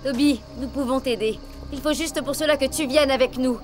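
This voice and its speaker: A woman voices a bold young animated hero. The voice is high, with a wry, cheeky, breezy delivery, and loud music runs underneath. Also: normal speed, lightly acted. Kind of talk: animated series dub acting.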